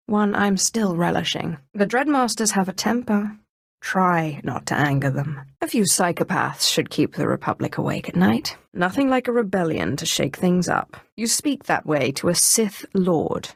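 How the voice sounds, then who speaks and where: Imperious Sith Inquisitor, low and menacing. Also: female voice, gravelly, slightly rough, no room sound, clean studio sound, heavily acted. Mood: confident, sardonic. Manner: haughty, coolly threatening, dryly sardonic. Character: imperious, menacing female Sith sorceress lord, sardonic and ambitious. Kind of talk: video game character voice acting.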